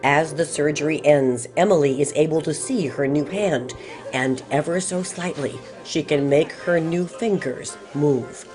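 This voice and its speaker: A woman narrating a news feature in a measured, even reading. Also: low-pitched, over music. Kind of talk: scripted narration.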